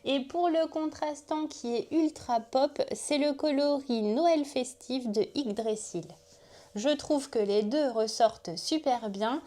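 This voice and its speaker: A woman hosts a knitting video podcast and chats casually with her viewers. Her voice sits a little high, and she talks freely, often laughing and poking fun at herself. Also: slow, dark tone. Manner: chatty, laughs often, self-mocking. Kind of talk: casual chat to camera.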